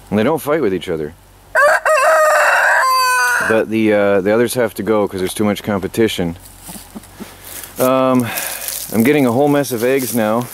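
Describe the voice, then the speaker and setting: A man's voice: on the low side, slight background noise. Out-of-breath homesteader man vlogging outdoors. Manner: rambling, halting, many fillers. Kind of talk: casual vlog chat. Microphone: handheld camera mic.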